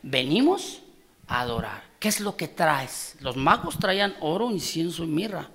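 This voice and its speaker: A man's voice: on the high side, sing-song, unhurried, vocal fry, pushed and bright, slightly rough. A man preaching a sermon, emphatic, calling out questions to the congregation. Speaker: guest preacher.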